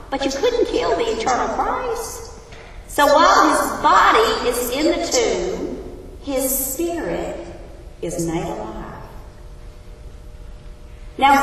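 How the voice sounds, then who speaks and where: A woman's voice: on the high side, recorded from a distance. A woman teaching a sermon who asks her congregation questions, her voice echoing around a big hall. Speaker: Bible teacher. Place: large hall.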